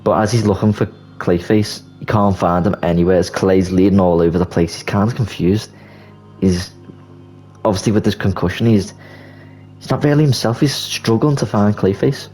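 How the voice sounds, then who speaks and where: Brief: young guy, very low voice, loose rambling fan chatter, soft music underneath. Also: moderate pace. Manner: rambling, leans on "like" fillers. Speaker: video creator. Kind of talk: casual movie commentary. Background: soft background music.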